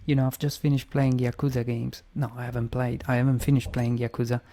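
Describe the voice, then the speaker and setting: A man's voice: mid-range voice, flat delivery, quick pace, warm tone. A man giving casual game playthrough commentary, arguing his points and repeating them for emphasis. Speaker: video game streamer.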